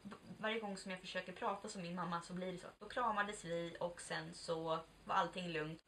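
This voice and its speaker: A woman's voice: lowish voice, fairly even intonation, a bit bright. A woman in her twenties telling a personal story in a chatty, candid way, swearing now and then and acting out bits of dialogue. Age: 20s. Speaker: vlogger. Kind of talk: casual confessional storytelling. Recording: distant mic with faint background noise.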